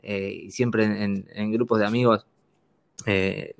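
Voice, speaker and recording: A man telling anecdotes in a casual chat, animated and laughing often. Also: lowish voice, measured pace, gravelly.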